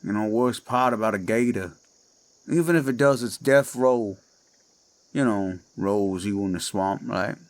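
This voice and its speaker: Voicing a menacing werewolf who poses as a friendly swamp guide, a man with a Cajun accent speaks in a slow, coaxing drawl for a horror audio drama. His voice sits on the low side and is lightly acted.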